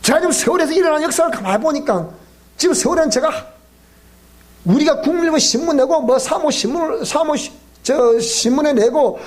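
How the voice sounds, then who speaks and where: Lively Gyeongsang-accented pastor, high voice. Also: male voice. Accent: Gyeongsang Korean. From South Gyeongsang, Korea. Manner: joking, quizzing the congregation, laughing often. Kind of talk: sermon at a weeknight Bible school. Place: church.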